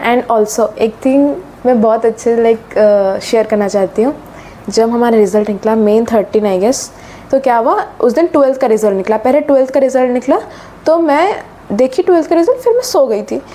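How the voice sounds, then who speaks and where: A teenage girl from Odisha chatting casually in a vlog, slipping English phrases into her talk and getting excited as she tells stories. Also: fairly high pitch, moderate pace, slight background noise. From Odisha, India. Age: teens. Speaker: student vlogger.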